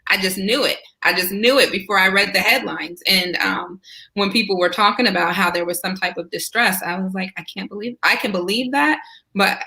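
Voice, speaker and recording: Bright, talkative woman guest. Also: medium pitch, normal speed. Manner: enthusiastic, talkative, asks rhetorical "right?". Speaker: guest, Senate candidate. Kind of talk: casual conversational interview.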